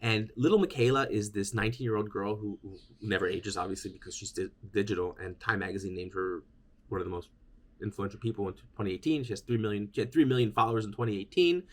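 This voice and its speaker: A man delivering a conference keynote with a loose, conversational feel. He meanders and restarts his sentences, and his voice sits on the low side. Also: quick pace. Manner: informal, meandering, many restarts. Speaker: keynote speaker.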